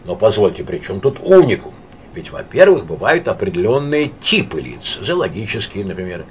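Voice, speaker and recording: A man's voice: fairly low pitch, very animated, moderate pace, a little hiss or hum, pitched below the performer's own voice. A man voicing a brash, boisterous painter. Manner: brash, offhand, lecturing. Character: blunt, boisterous male painter who likes drink.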